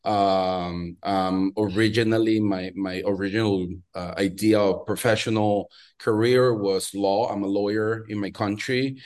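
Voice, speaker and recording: Heard first is a man with a Venezuelan accent and a lowish voice. He speaks as a guest on a podcast, earnest and thoughtful. He stops and restarts often. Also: fairly even intonation, a little slow, few pauses, a little mellow. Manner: earnest, many fillers and restarts. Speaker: podcast guest, watch brand founder. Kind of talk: casual interview chat.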